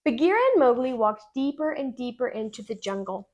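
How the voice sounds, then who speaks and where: Her voice fairly high, a woman tutor reads from a children's picture book. Each line comes out deliberate and full of expression.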